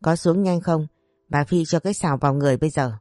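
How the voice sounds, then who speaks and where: A woman voicing a fierce, foul-mouthed, half-blind old woman who scolds in a rapid rush. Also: sits low, mellow, no room sound, studio quality, lightly acted. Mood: furious.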